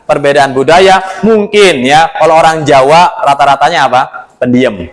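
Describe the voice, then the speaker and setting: Lively man teaching a class. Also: on the high side, normal speed, low-quality recording. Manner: lively, poses questions to students; sprinkles religious exclamations and light jokes. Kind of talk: classroom lesson.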